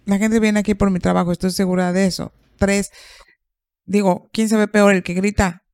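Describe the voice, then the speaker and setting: A woman psychologist, calmly explaining and asking rhetorical questions in a podcast conversation. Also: mid-range voice, normal speed, dry recording. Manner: calm, explanatory, asks herself rhetorical questions.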